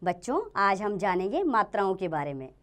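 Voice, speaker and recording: Lively woman teaching young children. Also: mid-range voice. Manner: slow, sounding out each letter and word; asks children questions then answers them. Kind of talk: children's grammar lesson.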